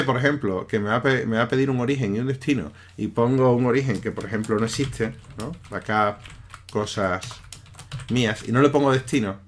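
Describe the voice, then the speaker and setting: Guy from explaining code in a screencast, chatty, keeps checking if you follow, mid-pitched voice, keys clacking now and then. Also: a little hiss or hum. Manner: conversational, often checks in with listeners. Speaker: teacher. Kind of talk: screencast programming lesson. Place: at a computer, voice-over of a screen recording.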